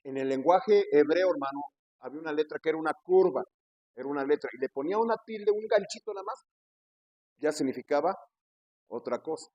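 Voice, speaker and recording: A man's voice: fairly high pitch, fairly quick, dry recording, highs cut off. A man with a Mexican Spanish accent, a pastor preaching a sermon who keeps addressing the listener as brother and asking rhetorical questions. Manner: preaching, peppers speech with "hermano" and rhetorical questions. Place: church.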